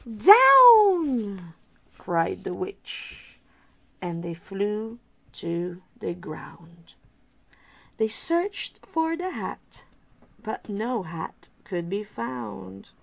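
A woman reading a rhyming picture book aloud for children, expressive and sing-song. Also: medium pitch, extremely slow, creaky. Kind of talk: storybook read-aloud for kids.

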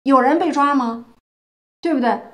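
A woman's voice: high voice, normal speed. A woman from China giving a solo political commentary, emphatic and full of rhetorical questions. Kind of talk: solo opinion monologue.

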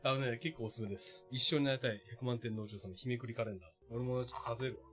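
A man unboxing products on a stream, chatting casually and exclaiming in surprise with rough, informal speech. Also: mid-range voice, rapid-fire, a bit bright, soft background music.

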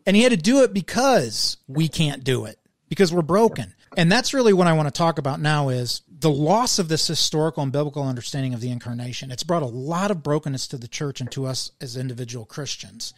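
A man's voice: on the high side, animated, brisk, few pauses, no echo, studio quality. A man hosting a podcast in casual chat, talking earnestly and with emphasis, laughing between points. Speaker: podcast host.

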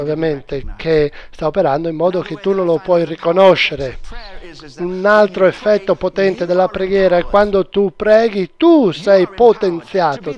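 A man's voice: sits high, darkish tone, muffled recording. A man preaching a sermon, speaking earnestly and emphatically and addressing the listeners directly.

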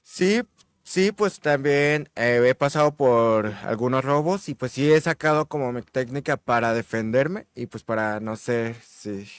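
A man's voice: medium pitch, a little slow, clear, resonant tone, no room sound, studio quality. A masked male wrestler with a Mexican accent, speaking casually as a podcast guest and talking in an easygoing, hesitant way with many fillers. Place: indoor studio set with a backdrop. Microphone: table microphone on a stand.

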